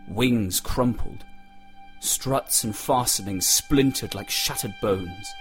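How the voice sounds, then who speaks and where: A man reading a dramatic storybook prologue aloud in a slow, measured way. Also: lowish voice. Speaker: audiobook reader. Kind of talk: storybook narration.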